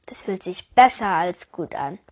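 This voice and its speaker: A woman's voice: fairly low pitch, lively intonation, unhurried, a little mellow. A woman voicing a lonely male alien inventor from the moon in a storybook, answering in short, grumbling replies. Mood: soft. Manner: grumbling, curt. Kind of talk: storybook voice acting.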